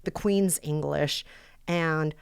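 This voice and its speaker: Low-voiced woman co-host, dry sound. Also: takes it slowly, creaky, clear, resonant tone, no room sound. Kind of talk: casual podcast chat.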